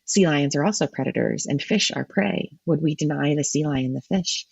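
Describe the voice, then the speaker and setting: A woman researcher talks through her answers in a slightly husky voice, circling back and restarting as she thinks. The recording is dry and somewhat dull, like a lo-fi remote call. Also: low-pitched, moderate pace, a little mellow, dry recording. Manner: thinks aloud with many restarts and ums. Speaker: marine ecologist guest. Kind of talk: thoughtful interview answers.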